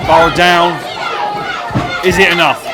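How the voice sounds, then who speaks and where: A man doing excited wrestling colour commentary, full of urgent rhetorical questions and repeated exclamations. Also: sits high, unhurried. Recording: loud crowd and venue noise. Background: loud live crowd.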